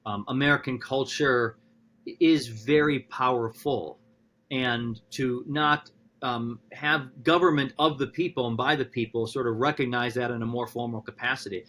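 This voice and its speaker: Animated male professor thinking aloud. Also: normal speed, a little hiss or hum. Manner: animated, talks through ideas with frequent restarts; acts out quotes with sudden high-pitched voices. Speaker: philosophy professor. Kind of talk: podcast conversation.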